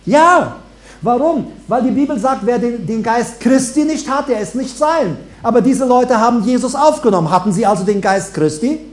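A man preaching a sermon, swinging between loud, emphatic calls and quiet, hushed asides. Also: extremely high pitch, reverberant.

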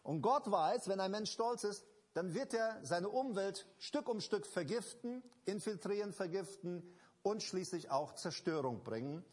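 A man delivering a sermon with a high, lively voice that climbs and drops through each point. His tone is husky, and he drives ideas home by repeating them, often stopping to restart a phrase before pressing on. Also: unhurried. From Germany. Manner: emphatic, repetitive, with frequent restarts and fillers. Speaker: preacher.

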